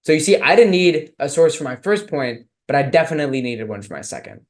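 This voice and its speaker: A man's voice: a little high, lively intonation, quick pace. A young man from Texas, giving a casual, filler-heavy online lecture on speech and debate with questions from listeners.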